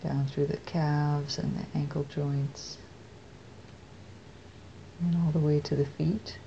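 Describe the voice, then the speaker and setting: An American woman guides a meditation as a teacher, speaking softly and slowly with long pauses. Her voice is low, level and gravelly, and the lo-fi recording carries slight background noise.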